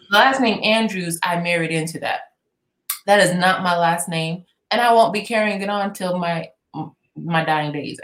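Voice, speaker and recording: A woman's voice: lowish voice, fairly bright tone. Candid woman guest in an echoey room. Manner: candid, laughing easily. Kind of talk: casual chat.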